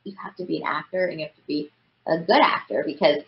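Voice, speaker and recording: A woman's voice: sits low, quick pace, vocal fry. A woman in her thirties, a voice actress as the guest, talking casually and often filling with "like" and "you know". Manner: chatty, frequent "like" and "you know" fillers. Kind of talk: casual interview chat. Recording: roomy, slightly dull podcast audio.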